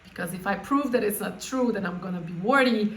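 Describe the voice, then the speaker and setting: A woman coach leading an informal guided meditation, speaking off the cuff in a halting way and often rephrasing herself. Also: medium pitch. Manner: halting, spontaneous, with repeated words and rephrasing. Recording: echoey room with faint background noise.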